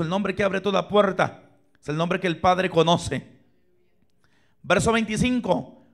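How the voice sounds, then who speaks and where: A man preaching a sermon in a church, asking the congregation questions and swinging from loud cries to near-whispers. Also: high voice. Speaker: pastor. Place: church sanctuary, filmed for online viewers.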